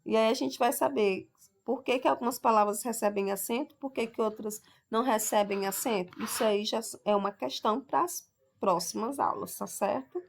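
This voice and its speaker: A woman teacher giving a recorded lesson for sixth graders, explaining step by step and drawing out each example word slowly, often checking in with "tá?" and "ok?". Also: a little high, vocal fry. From Brazil.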